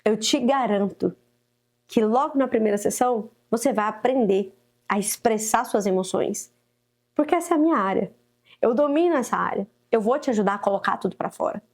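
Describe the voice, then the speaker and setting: A woman's voice: fairly high pitch, fairly quick, darkish tone. A Brazilian woman psychotherapist giving earnest, coaching advice to mothers straight to camera. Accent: Brazilian Portuguese. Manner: earnest, coaching, acts out quoted parents and children. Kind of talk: direct-to-camera advice talk.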